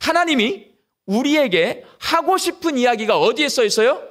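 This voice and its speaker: A middle-aged man delivers a sermon with a notably high, bright-pitched voice that swings widely up and down. He talks straight at the congregation, peppering them with rhetorical questions. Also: lively intonation, moderate pace. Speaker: pastor. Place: church during a live service.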